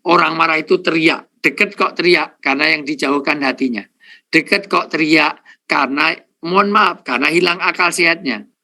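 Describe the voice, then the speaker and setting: With a fairly high, pushed and bright voice at a moderate pace, a middle-aged Islamic preacher addresses a live audience in a humorous sermon. He cracks jokes, speaks to listeners directly and ticks off his points.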